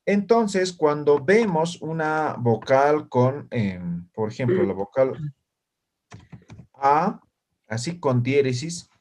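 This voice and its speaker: A male language teacher with a slightly high, darkish voice teaches slowly but animatedly. He keeps asking his students brief questions after nearly each phrase, and their answers come back from the room.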